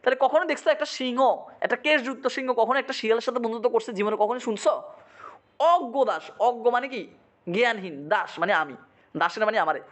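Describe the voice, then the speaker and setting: A man, teaching a poem line by line. He asks quick check-in questions, repeats meanings, and sometimes slips into English. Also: very high-pitched, fairly bright tone. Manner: dramatizes quoted lines, mixing in English. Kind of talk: poetry lesson, line-by-line explanation.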